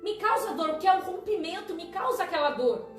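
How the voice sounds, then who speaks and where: A woman's voice: very high-pitched, animated, a little fast. A woman preaching a conversational sermon on a live stream, often asking the listener "tá?". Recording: echoey room, distant mic, faint music.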